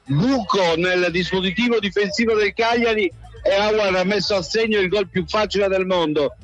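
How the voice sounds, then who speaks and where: Breathless, high-pitched man calling football goals. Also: normal speed, a bit bright, highs cut off, faint music behind. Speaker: football match commentator. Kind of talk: live Italian radio goal commentary.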